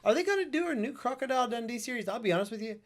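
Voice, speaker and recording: A man co-hosting a casual podcast, halting with fillers and laughing easily. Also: extremely high pitch, expressive. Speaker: podcast co-host.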